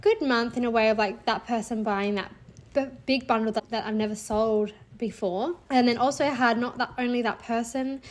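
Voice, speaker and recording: In a casual screen-share, a clipart seller in her thirties goes over her monthly sales figures at a moderate pace, chatty and relaxed with frequent "like" and "so." Her voice is a little high and slightly nasal from a cold, cheerful, with light laughter here and there.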